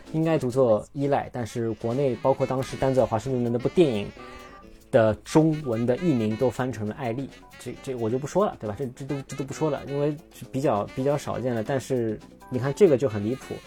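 Casting note: male podcast host, mellow low-key tone, chatty and rambling, faint music underneath. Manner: rambling, self-correcting, looks things up mid-talk. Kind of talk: casual solo podcast chat.

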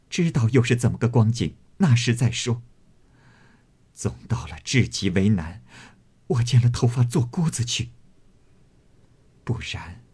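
A man's voice: mid-range voice, dark tone, breathy edge, heavily acted. A man reading the part of a proud, fiery young maidservant who answers sharply and with indignation.

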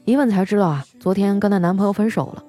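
A young woman, telling comic stories as a radio host in a wry, deadpan way and playfully voicing the people she quotes. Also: medium pitch, fast, faint music behind. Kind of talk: comic storytelling monologue.

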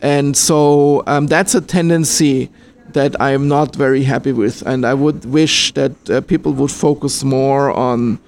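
A man from Austria answering interview questions in a casual, hesitant way, with many pauses and restarts. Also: mid-range voice, steady tone, a little mellow. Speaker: interviewee, fan filmmaker.

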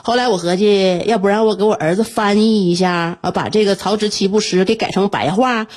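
A middle-aged woman with a slightly husky voice, hosting a show with humorous, colloquial anecdotes. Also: mid-range voice, darkish tone. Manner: colloquial, often laughing as she talks. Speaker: radio show host. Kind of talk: humorous anecdotal casual chat.

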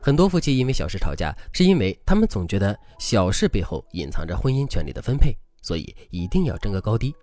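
A man's voice: fairly low pitch, very animated, fast, few pauses, darkish tone. A man hosting a relationship advice show, narrating a couple's story and lecturing in a scripted way. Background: faint background music.

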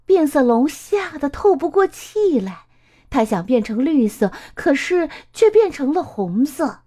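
A woman reading a children's storybook aloud. Her voice is high and sing-song, with lots of rise and fall. She takes it slowly and gives every line plenty of expression. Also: sing-song, warm tone.

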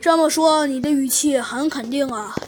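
A woman voicing a calm, courteous male monkey police chief questioning a witness. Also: high voice, moderate pace, soft background music, close to an everyday voice.

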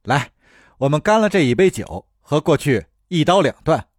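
A man's voice: a little high, sing-song, moderate pace, no echo, studio quality. A man voicing a modest, sincere young man who speaks courteously in a historical audio drama. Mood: hearty. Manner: courteous, warm-hearted.

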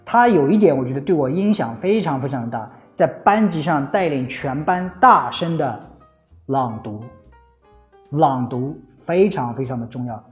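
A man's voice: mid-range voice, expressive, moderate pace. Earnest man mixing in English phrases. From China. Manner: earnest, mixes English phrases into his talk. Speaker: English-learning advice speaker. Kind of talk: casual spoken lesson. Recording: faint music behind.

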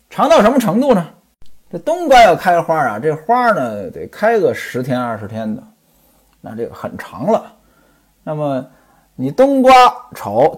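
A man's voice: a little high, breathy edge. A man explaining an old novel in a chatty storytelling lesson, asking and answering his own questions and drifting into personal stories. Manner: digresses into personal anecdotes.

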